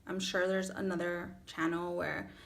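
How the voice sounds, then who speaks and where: A woman's voice: fairly low pitch, level tone, unhurried, creaky, fairly bright tone. A woman in her thirties with a Miami accent, chatting casually and informally through a makeup tutorial. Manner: chatty, informal, self-accepting. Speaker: beauty vlogger. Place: small furnished room at home, indoors.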